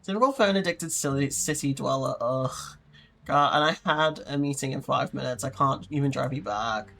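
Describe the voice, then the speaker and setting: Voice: medium pitch, moderate pace, vocal fry, fairly bright tone. A curt, haughty mine boss who talks down to everyone and brushes off every question, as a streamer puts her on. She scolds and deflects in a middling voice, reading lines from a story game. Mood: scolding. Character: haughty woman mine owner, curt and defensive. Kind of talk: voicing a character in a game playthrough.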